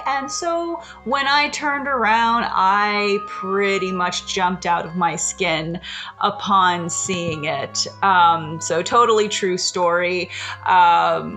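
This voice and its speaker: Slow, reflective woman podcast host. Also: medium pitch, a bit bright. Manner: slow, reflective, meandering storytelling. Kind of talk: casual storytelling monologue.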